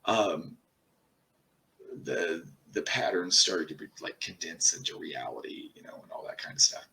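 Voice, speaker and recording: A man with a fairly low voice, talking off the cuff in a loose, halting way and cursing freely. He sits a little back from the microphone, so he sounds slightly distant. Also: animated, vocal fry, bright, forceful tone. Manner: profane, rambling, halting with many fillers. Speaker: channel host. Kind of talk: casual personal storytelling.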